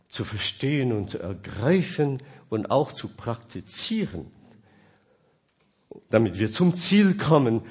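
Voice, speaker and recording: A man with a lowish, husky voice preaches a sermon in German, which isn't his native language. He puts questions to his listeners and swings between loud and quiet delivery.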